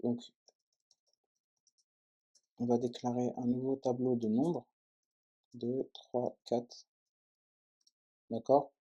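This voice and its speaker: Here a man leads a screen-recorded programming lesson in French, narrating each step as he types and frequently addressing the viewer. He speaks extremely slowly with many pauses, in a warm, level, medium-pitched voice whose highs are cut off.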